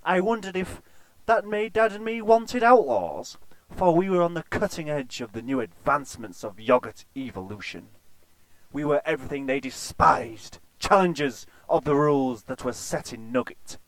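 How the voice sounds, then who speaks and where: A man reading an absurd, crude comic story in a deadpan way. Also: a little high, moderate pace, dry recording.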